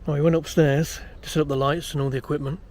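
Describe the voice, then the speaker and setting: A man's voice: a little high, level tone, fast, darkish tone, natural voice. A British man acting as a boastful, uneasy amateur ghost hunter, rambling self-importantly to camera in a found-footage horror film. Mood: reminiscing, aggrieved. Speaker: paranormal investigator presenting a documentary.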